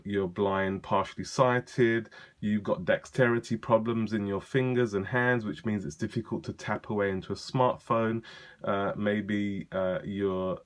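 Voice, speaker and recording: This is a man with a fairly low voice, filming a casual tech demo. He talks in a loose, conversational way, pausing with frequent uhs and ums as he thinks. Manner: relaxed, chatty, many ums and uhs. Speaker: tech vlogger demonstrating a device.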